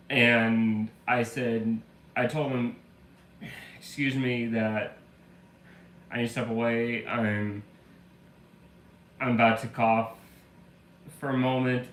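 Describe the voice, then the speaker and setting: Medium-pitched and fairly bright, a man live streams from his room at home, still shaking off the flu and coughing slightly. He chats in a rambling, filler-heavy way through a story, the room echoey with a faint ambient hum.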